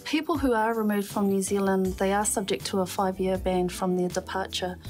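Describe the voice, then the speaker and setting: Lady from the immigration office, calm formal answers, faint music. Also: medium pitch. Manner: measured, formal. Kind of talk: interview answers.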